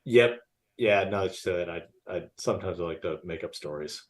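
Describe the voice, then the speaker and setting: A man co-hosting a casual live podcast who rambles, restarts and fills pauses. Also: low voice. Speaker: podcast co-host.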